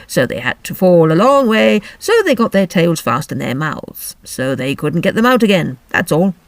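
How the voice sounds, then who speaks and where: A woman voicing the Griffin, a bossy, impatient male creature, loud and brisk in a storybook reading. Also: fairly low pitch, big pitch swings, dry recording.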